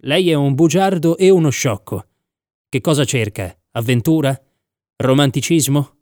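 A man's voice: a little high, a little mellow, no room sound, clean studio sound, natural voice. A man reading the part of a blunt, scornful traveling salesman on a train, with a mocking, lecturing tone.

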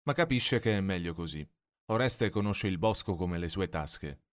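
A man narrating a storybook aloud. His voice sits low, but his intonation moves widely and expressively. He reads softly, keeping the telling gentle. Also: animated, normal speed. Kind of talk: storybook reading.

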